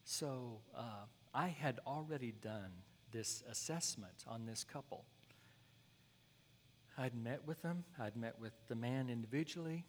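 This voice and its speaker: A man's voice: mid-range voice, measured pace, slight background noise. Folksy male preacher telling a story. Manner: folksy, conversational with asides. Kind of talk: sermon storytelling. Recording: long hall reverb.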